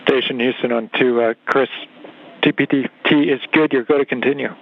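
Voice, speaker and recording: Calm mission controller over a tinny radio link, monotone, bit of background hiss. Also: male voice, medium pitch, a little fast, vocal fry. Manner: calm, matter-of-fact radio procedure. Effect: tinny mission radio loop. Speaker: ground controller. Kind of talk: radio call to the station crew.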